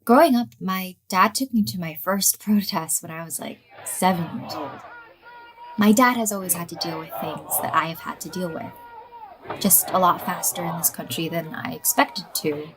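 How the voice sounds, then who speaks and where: A woman's voice: on the low side, normal speed. A young American woman activist speaking firmly and forthrightly about her experiences. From USA. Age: young adult. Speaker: youth activist. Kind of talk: personal testimony interview. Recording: faint crowd and noise behind.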